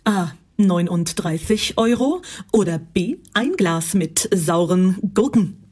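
A woman playing a parody quiz show hostess, pitching absurd prizes in a scripted infomercial style with a husky voice. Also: lively intonation, slow, darkish tone, exaggerated voice. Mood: salesy, slow.

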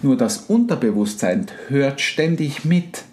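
A man's voice: medium pitch, a little slow. Male host, conversational explainer, acts out thoughts. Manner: animated, acts out inner voices and quotes.

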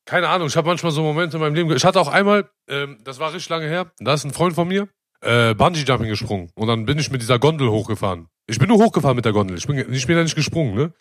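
A man co-hosting a casual chat, telling a story quickly and with laughter. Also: a little high, animated, a bit bright, no room sound, clean studio sound. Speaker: podcast co-host.

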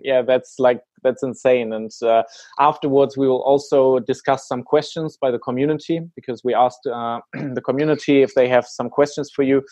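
A man's voice: mid-range voice, a little mellow. A man hosting a casual interview, putting questions to his guest in a conversational way. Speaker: interviewer, host. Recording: roomy, slightly muffled lo-fi sound.

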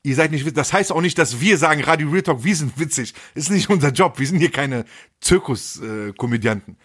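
A man's voice: a little high, lively intonation, a little fast, breathy edge. A man co-hosting a casual podcast, talking bluntly in crude street slang. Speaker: podcast co-host.

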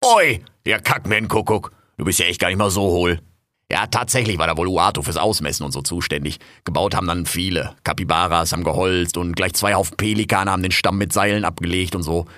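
A man voicing a brash, foul-mouthed male raccoon, loud and jumpy in an audio drama. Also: low voice, brisk, no room sound, studio quality. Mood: chatty. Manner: loud, cursing, jumpy and excitable.

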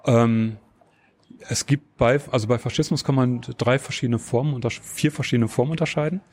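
A man's voice: medium pitch, steady tone, fairly quick, darkish tone. Hesitant man explaining at length. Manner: hesitant, many filler sounds and tag questions. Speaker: interview guest. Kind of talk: explanatory interview answers.

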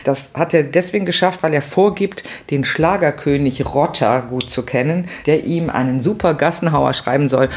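A man reading a novel aloud in an unhurried, measured way, with a few casual remarks between chapters. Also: a little high. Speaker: reader of a novel. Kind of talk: literary reading with brief chat.

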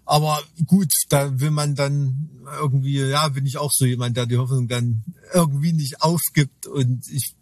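Husky-voiced man in casual podcast chat. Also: mid-range voice, steady tone, moderate pace, few pauses, a little mellow, no echo. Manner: rambling, many restarts, tag questions. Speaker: podcast co-host.

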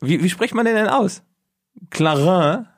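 A man's voice: medium pitch, lively intonation, brisk, no room sound, clean studio sound. A man co-hosting a casual sports chat, reading out results and stumbling over foreign names. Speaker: podcast co-host.

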